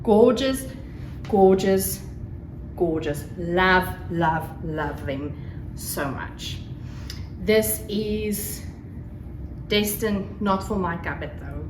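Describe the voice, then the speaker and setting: Very slow and pausing often, her low-leaning, animated voice belongs to a South African woman, Afrikaans by home language, who gushes casually as solo host of a craft podcast in vlog style. A fire crackles under faint noise, and the room echoes.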